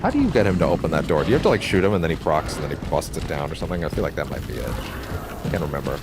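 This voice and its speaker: Over music and a steady background hum, a let's play host with a very deep voice talks very fast, casually commenting on the game he's playing. He rambles, restarts often, and swears freely.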